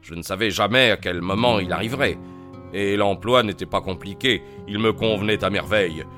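Man doing an aggrieved middle-aged client, earnest, low voice, faint music, audiobook. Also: a little fast, sharp tone. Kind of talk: audiobook character voice.

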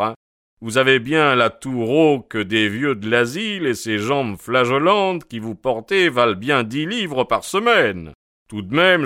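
A big, hearty police inspector, blunt and jovial, who booms his remarks with gusto, as a male narrator puts him on. The reading is close and dry, with a bright edge. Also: no room sound. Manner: bluff, jovial.

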